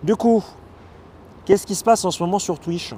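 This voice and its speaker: A man hosting a live stream, explaining things casually and pausing often on fillers as he reads and answers chat. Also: high-pitched, dark tone, a little hiss or hum. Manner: explanatory, hesitant, with many fillers. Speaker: livestream host.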